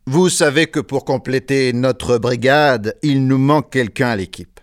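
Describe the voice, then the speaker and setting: A man's voice: medium pitch, a little slow, no echo, studio quality, close to an everyday voice. A man playing a stern head chef who gives orders to his kitchen brigade in a scripted textbook dialogue. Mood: firm. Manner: firm, commanding.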